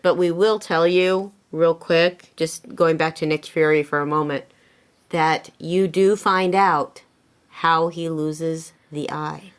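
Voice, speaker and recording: Woman, podcast co-host, fairly low voice, tells scenes with animation in casual chat. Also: fairly even intonation, slow pace, clear, resonant tone.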